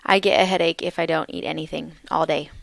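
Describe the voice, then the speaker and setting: A woman teaching English vocabulary, speaking slowly and carefully and repeating words for learners. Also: low voice, steady tone, vocal fry, dry recording. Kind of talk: slow, clear vocabulary lesson.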